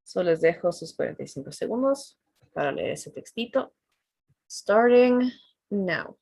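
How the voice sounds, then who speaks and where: Low-voiced bilingual woman teaching online. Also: moderate pace, creaky, breathy edge, dry recording. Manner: relaxed, chatty, switches between English and Spanish. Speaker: English test-prep teacher. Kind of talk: online class instruction, mixing English and Spanish. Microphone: video call.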